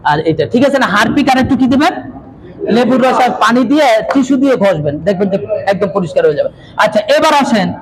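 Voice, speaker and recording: High-voiced man teaching a noisy class. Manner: drills the class in call-and-response, often raising his voice. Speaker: Quran teacher. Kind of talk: classroom recitation lesson. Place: classroom with students. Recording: loud class and room noise.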